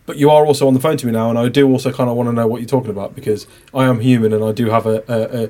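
A man in casual podcast chat, talking quickly and animatedly, acting out sales calls with swearing and laughter. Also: medium pitch, fairly even intonation, warm tone.

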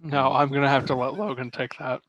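A man's voice: medium pitch, fairly even intonation, fairly quick, a bit bright, no echo, lo-fi sound. A man co-hosting a podcast in casual chat, rambling and laughing often, talking into a close studio mic. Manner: rambling, laughs often, trails off mid-thought. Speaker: podcast co-host.

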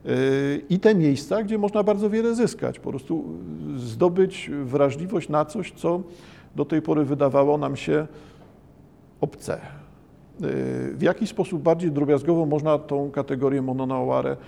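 A man giving a slow, reflective lecture, pausing often and hesitating between phrases. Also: fairly high pitch, vocal fry, mellow. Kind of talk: lecture on Japanese poetry.

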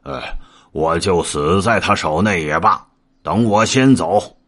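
A man's voice: sits low, a little slow, a bit bright. A man voicing a clumsy, greedy pig-monk who whines and boasts in a told story. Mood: whiny. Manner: complaining, blustering.

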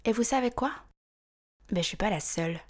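A woman's voice: medium pitch, expressive, fairly quick, loud music behind the voice. A woman in her thirties hosting a podcast, reading scripted narration in a frank, wry, confiding way. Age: 30s. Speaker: podcast host.

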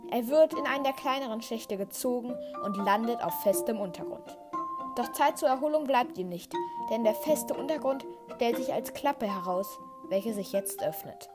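A woman retells a story in a scripted, dramatic narration. Her voice sits on the high side. Clear music plays underneath throughout. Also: animated, moderate pace. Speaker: podcast host.

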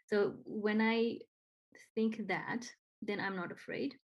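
A woman from Nepal speaks English with a Nepali accent in casual conversation, earnest and encouraging, with frequent ums and repeated phrases. Her medium-pitched voice is steady and slow. The audio sounds dull.

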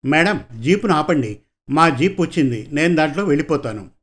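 A man's voice: on the high side, lively intonation, brisk, a bit bright. A man reading a story, voicing a friendly, good-humored young police sub-inspector. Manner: easygoing, smiling. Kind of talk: audiobook character voice.

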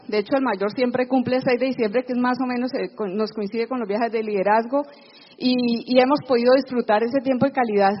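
A woman's voice: fairly high pitch, big-room sound, slight background noise. Woman talking about her family on stage, muffled live audio. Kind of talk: personal testimony at a live event.

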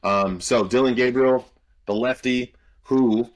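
A man's voice: mid-range voice, fairly even intonation, slow pace. A young man co-hosting a sports podcast, breaking down players in loose, confident casual chat full of "um" fillers. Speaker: podcast co-host and college football analyst.

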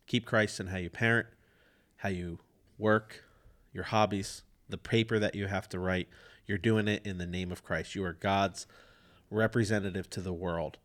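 Male podcast host, low voice, direct and plainspoken, casual. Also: fairly even intonation, normal speed, a bit bright.

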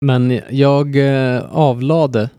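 A man's voice: medium pitch, fairly even intonation, mellow, smooth, dry recording. A man in his thirties hosting a film podcast, joking and rambling with lots of fillers and restarts. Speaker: podcast host. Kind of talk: casual film podcast chat.

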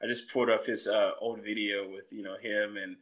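A man's voice: on the low side, a little fast. A man in laid-back conversation, talking in slangy casual phrases and checking in with his listener. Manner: slangy and relaxed, says "bro" and "you know what I'm saying". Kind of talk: casual chat.

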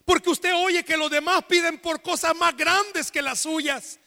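A man's voice: very high voice, fairly even intonation, a little slow, long reverb tail. A married man preaching a sermon at a church service, speaking with impassioned intensity and calling out to the congregation. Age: adult, married. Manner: impassioned preaching with shouted appeals. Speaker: pastor.

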